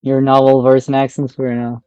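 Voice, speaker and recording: A native Spanish speaker with an Argentinian accent keeps up a relaxed, conversational chat as he streams a game live, talking briskly in a completely flat delivery. His mellow, smooth voice has an ordinary pitch. The audio is close and dry with no echo, the highs cut off, and soft music behind him.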